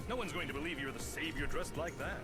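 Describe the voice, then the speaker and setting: Man playing a flamboyant, high-pitched theatrical show director. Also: quick pace, close to an everyday voice. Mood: impressed, scheming. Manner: theatrical, showy, emphatic. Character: flamboyant, theatrical male stage show director, brash and wheedling. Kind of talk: video game voice acting. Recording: loud game music behind the voice.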